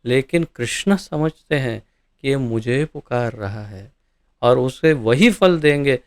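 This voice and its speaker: A man's voice: medium pitch, slow pace. A man teaching a devotional scripture class, asking his listeners questions and animatedly explaining verses. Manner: animated, rhetorical questions to audience. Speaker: ISKCON preacher.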